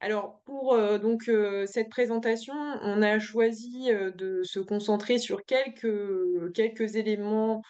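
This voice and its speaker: A woman's voice: medium pitch, slow, few pauses, warm tone, clear, resonant tone. A woman from giving an academic presentation remotely, hesitant, with many fillers and restarts. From France. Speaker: remote conference presenter, professor. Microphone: video call. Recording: dull lo-fi video call audio.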